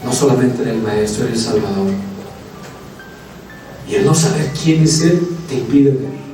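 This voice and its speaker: With a mellow, mid-range voice at a moderate pace, this male preacher delivers a fervent sermon, referring to the congregation as his brothers. The church hall sounds echoey, the microphone is distant, and there is faint music in the background.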